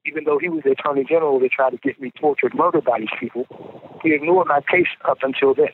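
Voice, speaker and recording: A man's voice: mid-range voice, fast talker, slight background noise. A man speaking earnestly on a payphone call from prison, often repeating words as he restarts. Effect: payphone call over a tinny prison phone line. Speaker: incarcerated interviewee calling in. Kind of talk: casual phone interview. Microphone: prison payphone handset. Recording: tinny phone line.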